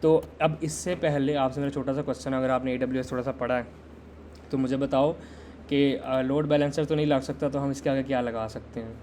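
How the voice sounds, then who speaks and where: A man's voice: mid-range voice, flat delivery, fairly quick, warm tone, a little hiss or hum. A man teaching a live-streamed system design lesson in a conversational way, quizzing viewers and waiting for answers in the chat. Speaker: tech instructor.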